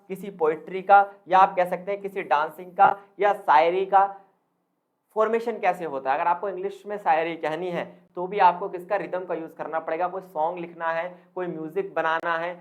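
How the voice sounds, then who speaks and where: A man's voice: high voice, phone-quality sound. A man tutoring for an exam in an explanatory lecture, who keeps asking the viewers questions, answers them himself and mixes in English terms. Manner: addresses the viewers as friends.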